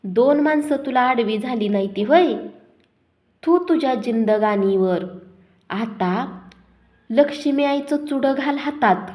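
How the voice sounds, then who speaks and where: A woman's voice: a little high, expressive, slow, pauses often, darkish tone, pitched above the performer's own voice. A woman voicing a harsh old village father who scolds his son in rustic dialect. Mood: contemptuous.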